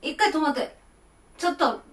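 A woman's voice: sits high, expressive, moderate pace. A young woman teaching a casual singing lesson, chatty and playful, with slangy asides and bits of sung lines. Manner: chatty, playful, slangy, laughs often, breaks into song. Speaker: vocal coach. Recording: echoey room, mic at a distance.

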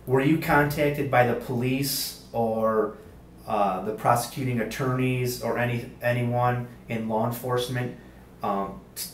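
A man's voice: mid-range voice, fairly even intonation. A man on an old interrogation tape, a state police investigator who stumbles through questions with frequent uhs and ums. His voice is distant and roomy, caught by a fixed mic in an interview room. Faint hiss sits underneath. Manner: halting, with many uhs and ums. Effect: interrogation-room tape recording. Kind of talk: formal interrogation. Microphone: fixed room camera mic.

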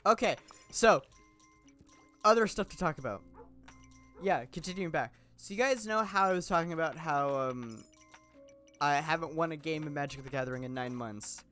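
A man's voice: fairly high pitch, expressive, moderate pace, bright, forceful tone, faint music behind. Young male gaming host, slightly raised voice, rambling chatty delivery, a bit under the weather. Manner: rambling, chatty, laughs often, many fillers and restarts. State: a little sick. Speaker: gaming YouTuber. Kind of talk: casual gameplay commentary.

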